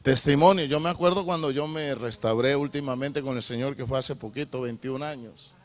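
A middle-aged man preaching a sermon, swinging from loud shouted appeals to low, confessional testimony. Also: brisk.

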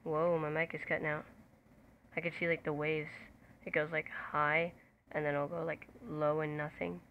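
A young-sounding woman with a slightly low voice chats and mutters to herself while she plays, her voice soft and close on the mic. The sound is dull and lo-fi. A faint hiss runs underneath. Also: level tone, moderate pace. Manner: chatty, talks to herself while playing, quiet and close to the mic. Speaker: gaming video creator. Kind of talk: casual gameplay commentary. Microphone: desk mic close to the face.

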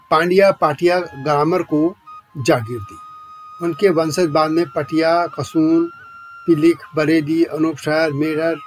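Male narrator, fairly high voice, scripted documentary reading, measured listing of names, faint music underneath. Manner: measured reading of long lists of names and places. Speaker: journalist narrating a channel's history series.

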